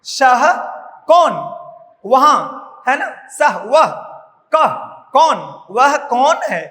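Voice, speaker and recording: A male Sanskrit teacher giving a slow classroom lesson, repeating each word and its meaning and putting questions to the class. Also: very high voice, animated, pushed and bright. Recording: echoey room with long reverb.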